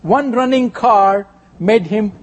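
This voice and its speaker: Preaching in brief phrases with pauses for an interpreter, this man has a high, husky voice. He has an Indian accent and is a native Gujarati speaker.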